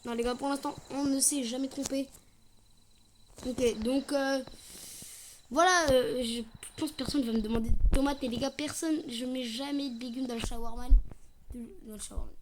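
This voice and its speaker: A woman's voice: sits high, steady tone, normal speed. A young woman doing casual, slangy commentary on a horror game, chatting to her viewers. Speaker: gaming streamer. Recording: noisy home gaming mic.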